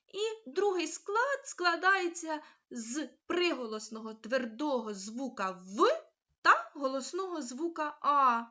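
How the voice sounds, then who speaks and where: A woman teaching young children a phonics lesson, sounding out letters slowly and asking them questions. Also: high-pitched, sharp tone, dull audio. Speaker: primary school teacher.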